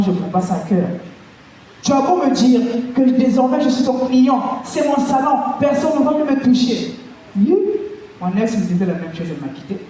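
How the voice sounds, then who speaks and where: A male stand-up comedian with a high voice works the room, telling animated stories and shouting his punchlines. He is recorded from well back in a big, strongly echoing hall, with a faint hum of the crowd underneath. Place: festival stage before a live audience. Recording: echoey hall recording from far off.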